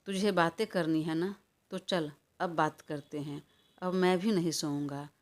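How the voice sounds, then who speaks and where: A woman's voice: on the low side, fairly even intonation, unhurried, natural voice. A woman voicing a tired, irritated young man who pleads to be left alone, in a storybook reading. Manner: weary, pleading.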